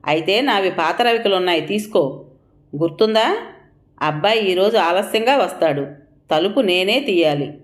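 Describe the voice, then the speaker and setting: A woman's voice: on the low side, lively intonation, normal speed, natural voice. A woman voicing a cruel, domineering old mother-in-law. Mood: scolding. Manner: harsh, scolding.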